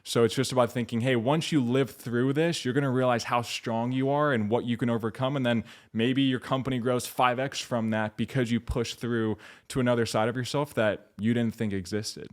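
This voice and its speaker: An American man talks as a coach guesting on a podcast. His pitch is average for a man. He is earnest and conversational, making motivational points with little imagined quotes. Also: fairly even intonation, moderate pace, few pauses.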